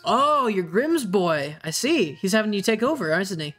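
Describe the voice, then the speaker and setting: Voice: mid-range voice, big pitch swings, moderate pace, fairly bright tone, soft background music. A game master voicing a nosy, folksy male farmer merchant who asks probing questions in a small-town way. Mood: curious.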